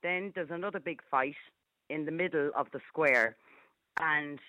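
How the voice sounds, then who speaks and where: A woman's voice: low voice, normal speed, sharp tone, no echo. A woman in her fifties with a Galway, west of Ireland accent, speaking bluntly and emphatically as a caller on a radio phone-in. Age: 50s. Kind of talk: casual, opinionated phone-in chat. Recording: dull phone line on radio.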